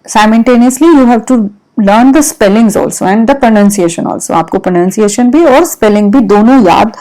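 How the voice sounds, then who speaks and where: Indian woman teacher spelling words slowly. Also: fairly high pitch, mellow, poor audio. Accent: Indian English. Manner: spells words letter by letter, explains patiently. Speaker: English teacher. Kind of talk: vocabulary lesson mixing English and Hindi.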